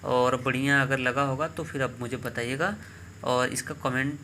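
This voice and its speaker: A man teaching a math lesson, explaining step by step, repeating key terms slowly and checking in with quick questions to his students. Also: mid-range voice, fairly even intonation, bright, forceful tone, slight background noise. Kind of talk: classroom lesson explaining geometry.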